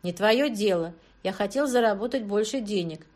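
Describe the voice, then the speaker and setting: A woman's voice: mid-range voice, normal speed, darkish tone, lightly acted. A woman voicing a menacing male kidnapper who barks threats and orders. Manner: threatening, barking.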